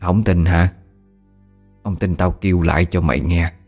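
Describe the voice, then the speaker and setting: A man voicing a crafty old female spirit in the guise of an elderly woman, slow and aged. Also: low voice, steady tone, darkish tone, faint music behind. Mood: sly. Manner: slow, aged, later whimpering pleas.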